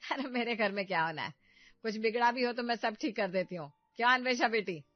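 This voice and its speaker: A woman voicing a meddling, domineering middle-aged mother who loudly stirs up trouble in her family. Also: fairly high pitch, a little fast, no room sound, dull audio, faint music behind, natural voice. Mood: sweetly scheming.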